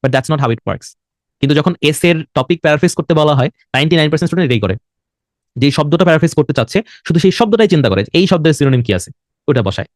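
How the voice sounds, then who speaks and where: A young man with a Bangladeshi accent, a native Bengali speaker, teaches an online IELTS lesson in a slightly high voice with lively intonation. He explains slowly, slips English words into his speech and writes on a board while talking. The studio-quality recording has no room sound.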